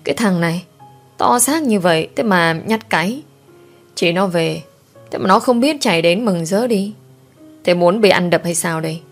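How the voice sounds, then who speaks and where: A woman narrates a first-person story in a steady, emotive way. Her voice sits on the low side. Faint music plays quietly behind her. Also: moderate pace.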